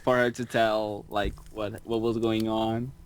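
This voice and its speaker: A man co-hosting a podcast, chatting casually about a TV episode and chiming in with opinions and quick agreements. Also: on the low side, little pitch movement, clean tone. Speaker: podcast guest co-host. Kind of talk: casual TV episode review chat.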